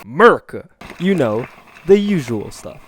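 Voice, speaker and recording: A young man narrating his own mountain biking video in a deadpan, joking voice-over. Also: medium pitch, unhurried, a little hiss or hum. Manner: deadpan jokey storytelling. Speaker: mountain bike vlogger.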